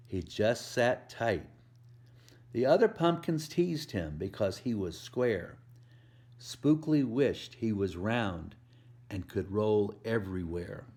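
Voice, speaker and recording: This volunteer children's story reader has a lowish, darkish voice. He reads a picture book aloud to preschoolers, punching up the rhymes and slipping in simple questions and asides for the little listeners.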